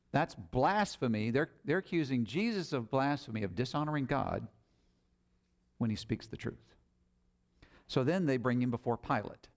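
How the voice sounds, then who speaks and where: A man's voice: medium pitch, a little mellow. A man preaching a sermon, retelling scripture in plain, conversational paraphrase.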